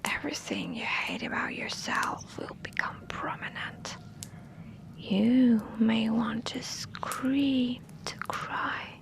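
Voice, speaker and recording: Slow, whispering woman reading a scary story. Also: on the high side, creaky. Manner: soft, hushed, deliberate delivery. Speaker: ASMR storyteller.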